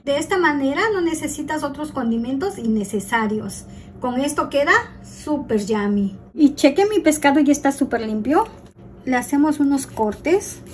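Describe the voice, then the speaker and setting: A middle-aged woman from Mexico with a Mexican accent hosts a home cooking tutorial. Her voice sits high, and she chats frankly and casually with her audience, calling them friends. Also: lively intonation, normal speed, a little hiss or hum. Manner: chatty, frank, addresses viewers as friends. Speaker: cooking channel host.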